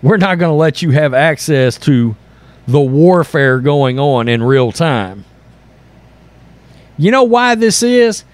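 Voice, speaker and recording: His voice sits on the high side and is animated, though he takes it slowly with long pauses. He hosts an online commentary channel, reading news aloud and responding with blunt, sarcastic exasperation and opinionated political views.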